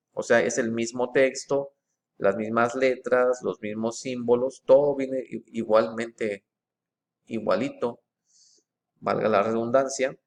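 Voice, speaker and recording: Gravelly man, explaining methodically. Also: medium pitch. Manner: methodical and halting, with frequent fillers and restarts. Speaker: presenter comparing book editions. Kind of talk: informal explanatory walkthrough, reading passages aloud.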